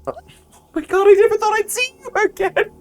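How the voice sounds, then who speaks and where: A man doing a gasping, overjoyed mother. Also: racing. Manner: gasping, high and breathless. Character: overjoyed mother reunited with her child. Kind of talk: tabletop role-play voicing.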